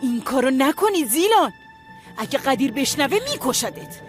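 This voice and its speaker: An actress voicing a middle-aged mother who scolds and warns her headstrong daughter, hushing her sharply. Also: high voice, sing-song, music in the background. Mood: scolding. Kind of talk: TV drama dub.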